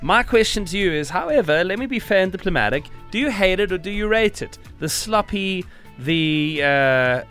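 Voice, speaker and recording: A man's voice: sits high, animated, normal speed, fairly bright tone, smooth, soft background music. A man hosting a radio talk show, chatting and joking with callers and co-hosts. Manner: chatty, laughing, jokey.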